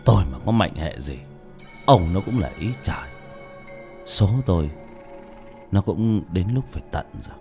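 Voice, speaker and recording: A man voicing a resolute old exorcist who speaks in a grave, calm, resigned way, in an audiobook. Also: deep voice, moderate pace, long pauses, faint music behind.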